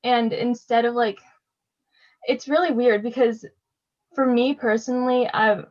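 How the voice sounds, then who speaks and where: A teenage girl co-hosts a podcast, chatting casually, laughing often and saying "like" and "you know" a lot. Her voice is on the high side with a darkish tone and fairly even intonation, a little slow, on slightly dull lo-fi audio.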